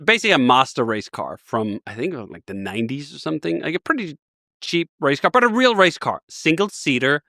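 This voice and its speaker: Danish guy in his 40s, keen rambling storyteller, bright sharp voice. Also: a little high, big pitch swings, fairly quick, creaky, no echo, studio quality. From Denmark. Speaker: guest. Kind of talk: casual interview talk.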